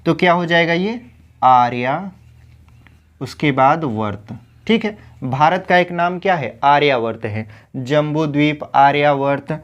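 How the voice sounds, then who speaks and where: A man's voice: fairly high pitch, normal speed, hardly any pauses, lo-fi sound. A young man teaching a Hindi spelling lesson for exam preparation, explaining step by step and asking his students rhetorical questions. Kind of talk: exam-prep grammar lesson.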